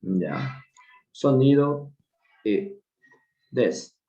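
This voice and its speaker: A man teaching an online English class, explaining slowly and patiently with repeated examples. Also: medium pitch, big pitch swings, mellow, roomy sound, lo-fi sound. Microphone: video call.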